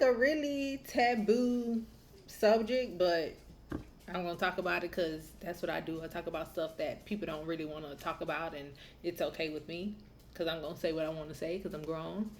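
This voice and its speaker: Speaking at normal speed in a fairly low voice, this podcast host, who grew up in the Southern United States, delivers a relaxed monologue about her family. She's chatty, frank, and opinionated, and there's a little hiss or hum in the background.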